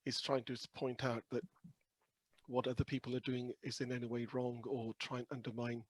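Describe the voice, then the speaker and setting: Croaky hoarse guy doing an online presentation, kinda husky, careful and hesitant, dry sound. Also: mid-range voice, level tone, fairly quick, dry recording. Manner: humble, hesitant, softly hedging. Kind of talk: explanatory webinar presentation. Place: video call with screen sharing.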